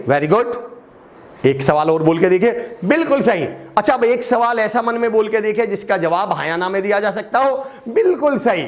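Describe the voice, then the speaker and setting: A middle-aged man teaching an English lesson in an animated way, asking and answering his own questions. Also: sits high. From India.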